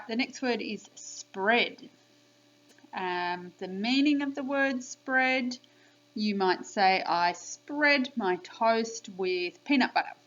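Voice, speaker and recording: Slow, patient woman teacher. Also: a little high, fairly bright tone. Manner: slow, clear sounding-out of letters and sounds. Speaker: primary school teacher. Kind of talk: children's spelling lesson video. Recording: slightly dull lo-fi sound.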